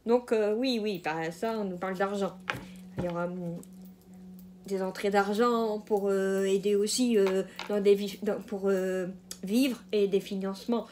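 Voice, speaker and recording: Woman, tarot card reader, slow pace, hesitant, lots of fillers, casual reading. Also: mid-range voice, steady tone, darkish tone, a little hiss or hum. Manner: hesitant, many fillers and restarts, laughs at own jokes.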